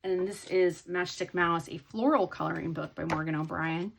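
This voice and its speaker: A woman's voice: lowish voice, steady tone, normal speed, gravelly, background noise. A woman chatting casually in a hobby haul video, rambling with many ums and restarts. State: sleepy, yawning. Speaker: hobby vlogger.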